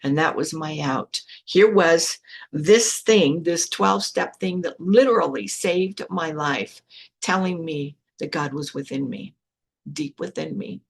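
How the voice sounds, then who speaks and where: A woman's voice: low-pitched, unhurried, husky. An older woman hosting a spiritual podcast, telling her own story in a frank, blunt way with some swearing. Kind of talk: candid personal storytelling.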